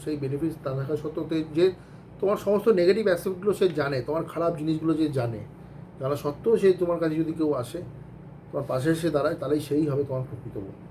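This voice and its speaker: A man's voice: fairly high pitch, very fast, mellow, slight background noise. A man teaching an accounts class, giving earnest, rambling advice with frequent restarts and English phrases mixed in. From Bengal. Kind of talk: casual spoken lesson to students.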